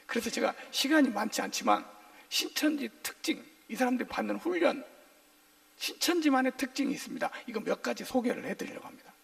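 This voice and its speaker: Male pastor, very high and rough-edged voice, swooping delivery, playful preacher who quizzes his flock, heard from a distant church mic. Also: a little fast. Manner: lively, quizzes the congregation with call-and-response questions; jokey, playful asides. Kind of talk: sermon.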